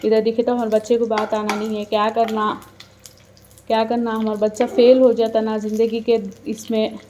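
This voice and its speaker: Hyderabadi mom telling her story, kinda high voice but warm and dark, chatty and earnest. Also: monotone, normal speed, a little hiss or hum. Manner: earnest, chatty, quotes people aloud. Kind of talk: casual personal storytelling.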